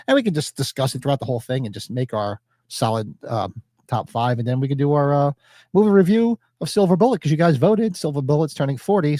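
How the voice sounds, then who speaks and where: A man with a medium-pitched, warm voice co-hosts a casual horror podcast, sounding sniffly from allergies. His manner is laid-back and rambling, with lots of fillers. The recording is clean studio sound with no echo.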